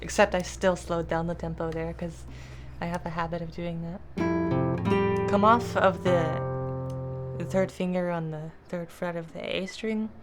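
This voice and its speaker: Female guitar teacher, slightly low pitch, casual and self-deprecating, trailing off with fillers, loud guitar playing under her. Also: level tone, unhurried. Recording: guitar playing loudly behind. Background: acoustic guitar.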